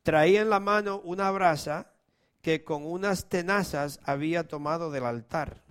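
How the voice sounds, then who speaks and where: A male pastor preaching a sermon, reading scripture and leading a prayer, impassioned and swinging between loud appeals and hushed prayer. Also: on the high side, measured pace, clear, resonant tone. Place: church.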